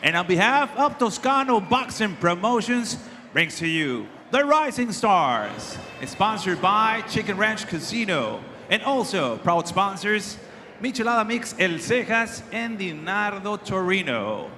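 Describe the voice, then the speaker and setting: A man's voice: sits high, big pitch swings, measured pace, bright, forceful tone. A man working as a boxing ring announcer in a showy lucha libre announcer manner, drawing out and belting names over an echoey arena PA. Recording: echoey arena PA, background noise.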